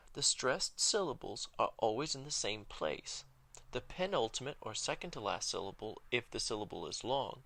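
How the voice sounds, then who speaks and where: A man giving a video lesson on Latin, speaking in a measured, careful way and slowing down to spell out Latin words. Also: medium pitch, gravelly, pushed and bright, no room sound. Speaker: Latin teacher.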